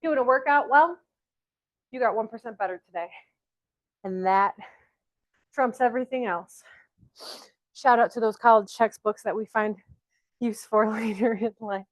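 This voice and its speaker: A woman with a Southern accent leading a workout class as fitness coach, out of breath, counting down and pushing her class on with energetic encouragement. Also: fairly high pitch, a little slow, pauses often, low-quality recording. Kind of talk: live workout class cues.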